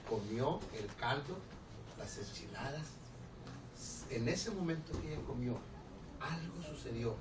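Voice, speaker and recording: A man with a Mexican accent preaching a storytelling sermon as a pastor, animated and laughing, acting out the people in his story. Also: mid-range voice, a little slow. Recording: roomy, distant church recording with background noise.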